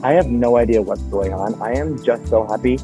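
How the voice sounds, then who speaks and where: A man's voice: medium pitch, brisk, over music, rough recording. A man speaking in a game confessional, frank and exasperated about his chaotic team. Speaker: contestant.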